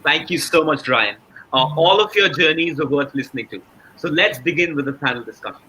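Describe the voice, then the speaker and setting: A man's voice: a little high, animated, a little fast, sharp tone, a little hiss or hum, low-quality recording. A young man moderating a panel with formal, scripted introductions.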